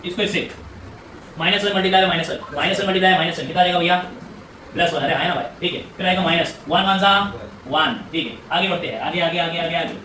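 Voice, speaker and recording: A man teaching maths in a classroom, talking briskly, repeating himself and coaxing students along, heard from a distant mic. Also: a little high, pushed and bright. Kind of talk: classroom lecture. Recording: echoey room, voice from afar, faint hum.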